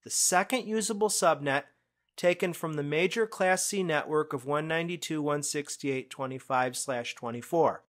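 A man narrating a screencast lesson on IT certification, explaining questions in a conversational way that speeds up and slows down for emphasis. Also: on the high side, fairly bright tone. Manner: conversational, explanatory, quick bursts then slow emphasis. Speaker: IT certification instructor.

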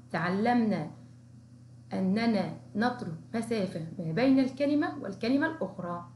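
A woman kindergarten teacher leads a writing lesson, sounding out each syllable slowly and praising the children again and again. Her voice rings in a roomy, echoey space. A faint hiss of noise sits underneath. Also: mid-range voice, darkish tone. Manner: encouraging, slow, sounds out syllables. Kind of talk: recorded Arabic writing lesson for young children.

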